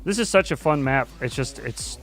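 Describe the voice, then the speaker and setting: A man hosting a live stream, chatting casually and excitably, swearing now and then. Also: mid-range voice, moderate pace, soft background music. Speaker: livestream host.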